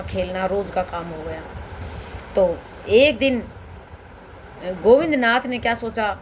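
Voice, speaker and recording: A woman telling a devotional story in a gentle, homely way, often repeating phrases. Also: mid-range voice, a little hiss or hum, rough recording.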